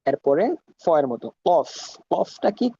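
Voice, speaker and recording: A man giving a pronunciation lesson as a language teacher, saying each sound slowly and repeating it many times. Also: mid-range voice, sing-song, gravelly, warm tone, slightly rough, muffled recording. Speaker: Arabic teacher.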